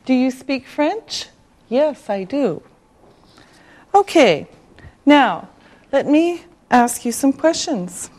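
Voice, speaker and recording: Woman teacher for beginners, extremely slow and high-voiced, drilling each word with careful enunciation. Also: big pitch swings, darkish tone. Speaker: English teacher. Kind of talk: beginner language lesson.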